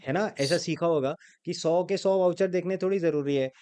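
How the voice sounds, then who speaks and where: A smooth, mellow male voice on the high side, at a moderate pace, delivers an accounting lecture. He quizzes students and has them answer aloud, call-and-response fashion, blending English terms into his Hindi.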